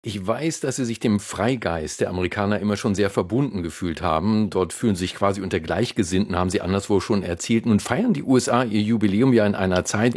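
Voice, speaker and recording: A man hosting a radio interview in a smooth, scripted way. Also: on the low side, a little mellow, no echo, studio quality. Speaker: radio host.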